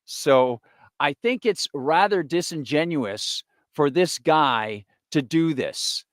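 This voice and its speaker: A man's voice: fairly high pitch, lively intonation, slow, fairly bright tone, dry recording, studio quality. A man hosting a live political stream, reading through a list with sarcastic asides in opinionated commentary. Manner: sarcastic, reads off long lists with asides.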